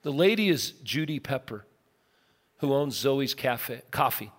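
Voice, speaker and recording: A middle-aged man, a pastor, preaching a casual, earnest sermon and telling stories, now and then breaking into loud bursts. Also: mid-range voice, expressive, measured pace. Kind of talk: conversational sermon. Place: large church auditorium. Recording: long hall reverb from a big sanctuary.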